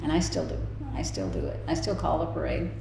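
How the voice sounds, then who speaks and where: A woman's voice: low-pitched, very animated, brisk, gravelly. An older woman answering interview questions in a plain-spoken, informal way, often letting her sentences trail off. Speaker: interviewee, festa cake maker. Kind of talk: casual oral history interview. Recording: echoey room, faint background noise.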